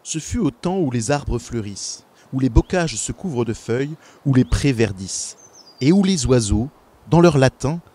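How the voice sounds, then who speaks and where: A man reading medieval verse aloud with slow, careful recitation. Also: mid-range voice, animated, mellow, breathy edge. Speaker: podcast guest.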